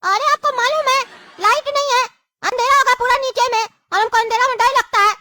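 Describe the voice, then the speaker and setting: A woman's voice: very high-pitched, a little fast, sharp tone, dry recording, studio quality. A woman, playing a complaining younger brother in a comedy sketch. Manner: whiny, complaining.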